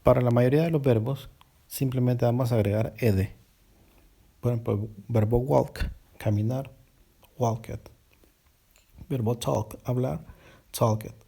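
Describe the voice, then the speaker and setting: Slow, gravelly man teaching a lesson. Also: medium pitch, fairly even intonation, warm tone. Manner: slow and deliberate, repeating words and correcting himself. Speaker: English teacher. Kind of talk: recorded classroom lesson.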